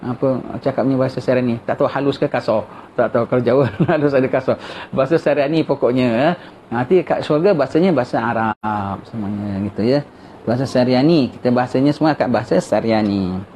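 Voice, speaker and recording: A man giving a colloquial religious lecture, reading a text aloud slowly and then explaining it. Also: medium pitch, darkish tone. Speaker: religious teacher. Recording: dull, lo-fi, faint background hiss.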